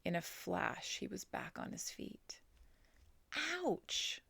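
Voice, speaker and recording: A woman reading a children's novel aloud, slowly and gently, dropping to a whisper in quiet passages. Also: fairly low pitch, expressive, creaky, no room sound. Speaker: storybook reader.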